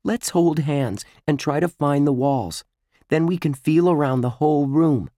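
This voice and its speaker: A man doing a whiny excitable young boy. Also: fairly high pitch, measured pace, no echo, clean studio sound, pitched above the performer's own voice, natural voice. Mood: eager.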